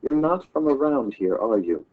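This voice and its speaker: A man's voice: mid-range voice, lively intonation, normal speed, phone-quality sound, pitched above the performer's own voice, natural voice. A man reading aloud in a classroom story lesson, voicing a mysterious miner who asks knowing questions. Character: mysterious old-time male miner.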